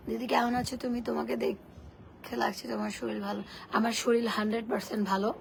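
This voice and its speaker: Hoarse, gravelly woman selling on a live stream. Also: fairly high pitch, little pitch movement, brisk. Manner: chatty and blunt, reads viewer comments aloud. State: hoarse, voice worn from shouting. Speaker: online seller hosting a live sale. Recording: noisy live-stream audio.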